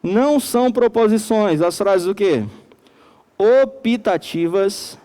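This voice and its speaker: A man with a Manaus accent teaching a recorded classroom lesson. He speaks slowly and emphatically, asking the class questions and then answering them himself. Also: sits high, warm tone. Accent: Brazilian Portuguese, Manaus. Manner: slow and emphatic.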